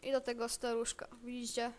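Woman rambling thru a game, kinda high voice, talks to herself a lot. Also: monotone, brisk. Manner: chatty, thinking aloud and muttering to self. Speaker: gamer. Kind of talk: casual gameplay commentary.

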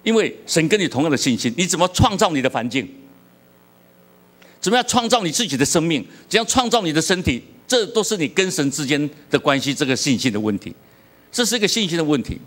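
A middle-aged pastor from Taiwan with a Taiwanese accent, preaching a sermon with humorous stories and questions to the congregation. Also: male voice, on the high side, sing-song, fast talker, a bit bright.

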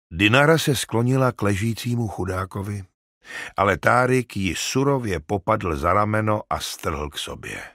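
A man narrating an audiobook in a dramatic, expressive storytelling manner. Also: fairly low pitch, no room sound, clean studio sound.

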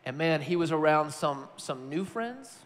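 A man from Tennessee preaching a sermon, telling a personal story in a conversational, animated way. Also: a little high, unhurried, long reverb tail. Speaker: pastor.

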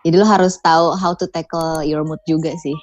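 A woman's voice: sits low, steady tone, a little fast, darkish tone, dull audio. A young adult woman with a Jakarta accent, a voice-over talent chatting casually as a guest and mixing in English. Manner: colloquial, mixes in English. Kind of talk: casual podcast chat.

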